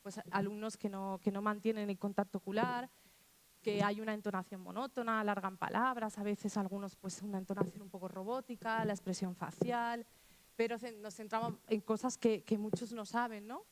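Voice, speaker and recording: A woman's voice: medium pitch, fairly even intonation, a little fast. A woman from Spain speaking to teachers in a conversational talk, often acting out quotes from children and restarting her sentences. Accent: Spanish.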